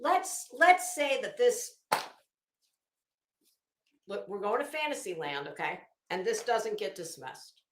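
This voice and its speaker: With long pauses and an unhurried pace, a woman reads a legal motion in a mid-range voice full of lively intonation. This online commentator peppers the dramatic reading with mocking, sarcastic, taunting asides, emphatic, blunt and sweary. The recording is echoey, with a little hiss or hum.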